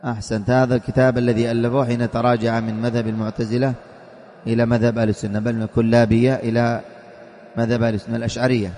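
A man's voice: mid-range voice, little pitch movement, racing, mellow, long reverb tail. A man teaching a religious class, reading from a classical text, explaining it, quizzing his students and repeating key points.

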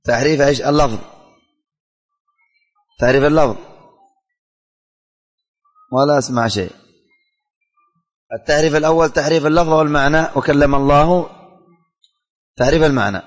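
A man's voice: a little high, brisk, long pauses, faint music behind. Man teaching in a reverberant hall. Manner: quizzes students by name, repeats questions. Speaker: religion teacher. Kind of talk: classroom lesson with questioning. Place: classroom.

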